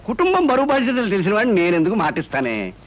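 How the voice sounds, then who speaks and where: A man's voice: high voice, huge pitch swings, racing, lo-fi sound, exaggerated voice. An actor playing a pompous, miserly male musician and father in a film comedy. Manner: pompous and evasive.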